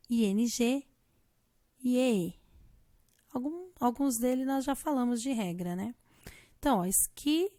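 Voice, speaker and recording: A woman's voice: on the high side, dark tone, dry recording. A woman teacher with a Brazilian Portuguese accent, patiently explaining an English grammar lesson and spelling letters out one by one.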